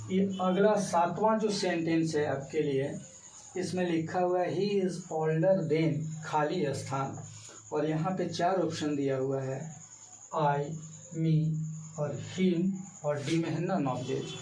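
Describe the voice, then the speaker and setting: Slow, high-voiced male tutor, echoey room. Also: fairly even intonation, a little mellow, a little hiss or hum. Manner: slow, explanatory, walks through each option. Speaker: teacher. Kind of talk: exam-prep grammar lesson. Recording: echoey room, mic far off.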